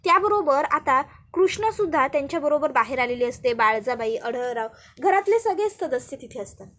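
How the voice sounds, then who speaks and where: Brief: female storyteller with a very high voice, plain running narration of an episode. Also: expressive, fairly quick, fairly bright tone. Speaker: storyteller recapping a serial.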